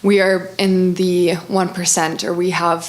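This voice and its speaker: A woman in the audience asking a panel an earnest, measured question in a lecture room. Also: lowish voice. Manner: earnest, measured, even-toned.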